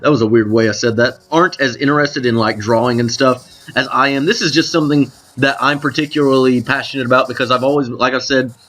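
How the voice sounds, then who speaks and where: A man hosts a let's play of a drawing game, casually chatting to viewers with rambling asides where he corrects himself, his voice cracking now and then. He talks fast in a mid-range, fairly even, slightly bright voice.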